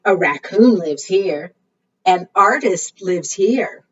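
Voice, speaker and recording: A preschool storytime librarian reads aloud to young children, her husky, mid-range voice slow and expressive as she sing-songs through the story and keeps asking her listeners questions. The recording sounds muffled, picked up by a distant microphone.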